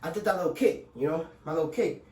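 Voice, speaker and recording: A man's voice: fairly high pitch, fast, darkish tone, a little hiss or hum. A young man telling a rambling school story to his phone, full of fillers, restarts and swearing.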